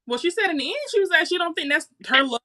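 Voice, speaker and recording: A woman's voice: very high voice, lively intonation, very fast, sharp tone. A woman co-hosting a casual podcast, asking questions and pushing back on her partner's views. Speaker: podcast co-host. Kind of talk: casual debate chat.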